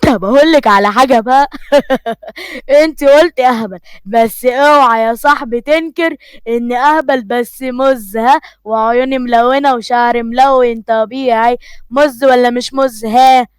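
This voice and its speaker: Cocky young Egyptian fiancé, read by a woman, teasing and drawn-out, dry close sound. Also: on the high side, clean tone, dry recording, natural voice. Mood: boastful. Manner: teasing, drawn-out playful talk.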